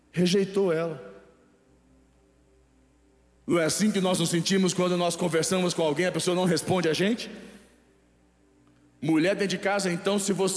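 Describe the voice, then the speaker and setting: A Brazilian man preaches in a high voice, quizzing his congregation and leaving gaps for them to fill in. His voice rings through a large church hall with a long echo. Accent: Brazilian Portuguese. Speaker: pastor. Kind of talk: live sermon.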